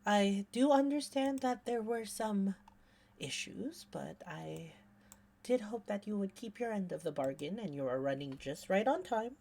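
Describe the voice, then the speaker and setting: A woman's voice: mid-range voice, lively intonation, unhurried, vocal fry, darkish tone, voice pushed up. A woman voicing a gracious, formal party hostess with a thick put-on accent and a drawl. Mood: reproachful. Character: gracious woman hosting a party, hired performers.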